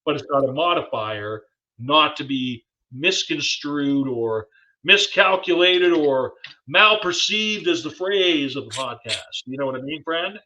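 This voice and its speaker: A man's voice: a little high, lively intonation, measured pace, bright, forceful tone, lo-fi sound. A man co-hosting a podcast in casual chat, a former English teacher who talks in a playful, wordy, jokey way. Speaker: podcast co-host.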